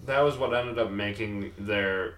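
A man with a lowish voice talks slowly and unhurriedly in casual conversation. He rambles, laughs a lot and leaves sentences hanging. The room around him is noticeably echoey. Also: a bit bright. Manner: rambling, laughs often, trails off mid-sentence. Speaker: podcast co-host. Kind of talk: casual chat.

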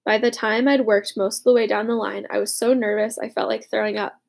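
A woman narrating a war story as a young soldier, with dramatic, hushed, urgent delivery in the dialogue. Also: medium pitch, little pitch movement, fairly quick, vocal fry. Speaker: narrator voicing a boy soldier. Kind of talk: audiobook narration.

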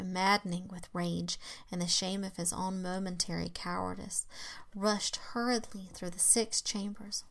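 A woman reads a classic tale in a hushed, breathy half-whisper. Her voice carries a gravelly fry, and her phrasing is slow and dramatic, with the odd stumble. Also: mid-range voice. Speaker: reader.

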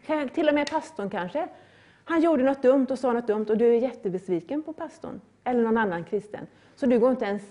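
A middle-aged woman preaching a sermon, earnest and repetitive, with loud rising appeals. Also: on the high side.

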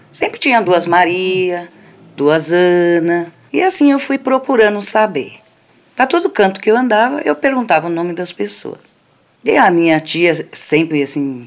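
An older woman telling a personal story in a conversational way, often adding little tag questions and speaking straight to her listeners. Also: on the low side. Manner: conversational, lots of "né" tags, addresses listeners. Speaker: storyteller recounting a childhood memory. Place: community center.

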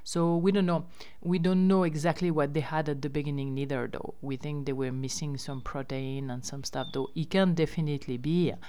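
Female host, deep clean tone, informal update delivery. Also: steady tone, fairly quick, dark tone, clean tone. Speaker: host running a riverside lodge and campsite. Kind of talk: casual spoken news update.

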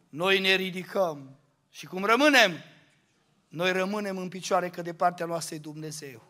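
Male guest preacher, very bright forceful tone, impassioned church sermon. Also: high voice. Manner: impassioned, swings from hushed to shouting. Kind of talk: fervent Pentecostal sermon. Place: church service.

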